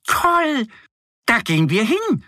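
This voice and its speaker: A man doing Annie, a squeaky little duckling. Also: slow pace, breathy edge, no echo, clean studio sound, heavily acted. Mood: excited. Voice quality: very high squeaky voice. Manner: bright, excited exclamations. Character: little cheerful female duckling, curious and cautious.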